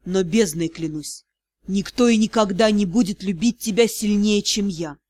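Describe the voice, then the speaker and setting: A woman voicing a young male magister in a hushed, hoarse way. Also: mid-range voice, unhurried, pitched below the performer's own voice, natural voice. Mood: pleading. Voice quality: hoarse, muffled.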